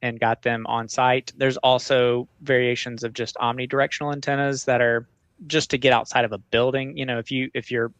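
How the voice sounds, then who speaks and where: A man's voice: mid-range voice, level tone, brisk, a bit bright, no echo. Man, dry close sound. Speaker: technical support manager, interview guest. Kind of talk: conversational technical explanation.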